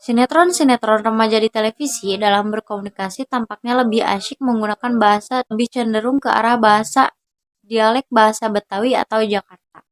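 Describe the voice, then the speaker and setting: A young woman student reads her section of a group class presentation aloud in a slightly high voice, steady and careful, pausing between list items.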